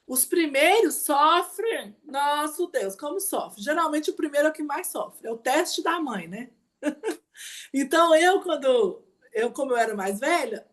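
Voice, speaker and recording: A woman giving a class as a mentor. She tells personal stories in a chatty, animated way and keeps asking her listeners questions. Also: high-pitched. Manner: animated, chatty, often asks the audience 'né, gente?'. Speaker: mentor teaching an online class. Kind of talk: teaching talk with personal stories.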